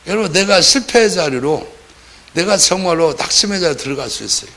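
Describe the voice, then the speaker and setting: A man's voice: sits high, animated, a little fast, creaky, bright, forceful tone. A man preaching a sermon as pastor, talking in a colloquial way and acting out the voices of the people he quotes.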